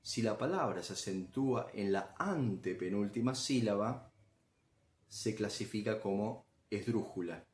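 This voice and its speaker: A man's voice: on the low side, expressive, unhurried, a little mellow. A man explaining grammar as a teacher, patient and step by step, often checking in with the listener.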